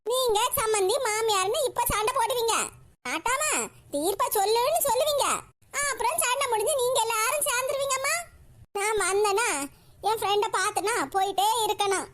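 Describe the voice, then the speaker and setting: A woman voicing a gossipy, sharp-tongued old village grandmother in a cartoon, talking in a scolding, mocking way. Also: extremely high pitch, normal speed, background noise. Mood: gossiping, scolding. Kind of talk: cartoon voice acting.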